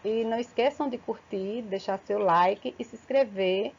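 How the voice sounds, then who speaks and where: A woman's voice: mid-range voice, moderate pace, creaky, lo-fi sound. A woman teacher giving an online grammar lesson, explaining step by step and often checking in with short tag questions. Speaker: Portuguese teacher.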